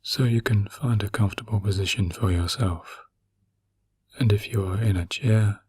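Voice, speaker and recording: In a breathy, husky voice that sits on the low side, a man narrates a guided meditation. He speaks slowly, gently and soothingly, leaving long pauses.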